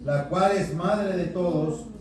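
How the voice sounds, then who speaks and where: A man from the congregation slowly and carefully reading a Bible passage aloud in church. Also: high voice, darkish tone, slight background noise. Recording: very echoey church, distant mic.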